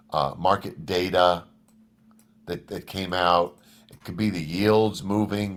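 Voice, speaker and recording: Man, fairly low voice, trading educator, casual live Q&A, talks through numbers on screen. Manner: conversational, thinks aloud with restarts, walks through numbers on screen.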